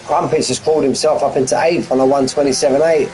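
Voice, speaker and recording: A man's voice: mid-range voice, steady tone, quick pace, a little mellow, low-quality recording. Bantering man calling a sim race. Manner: chatty, bantering with viewers, laughs often. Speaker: sim racing commentator. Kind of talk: live stream race commentary. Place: front room at home.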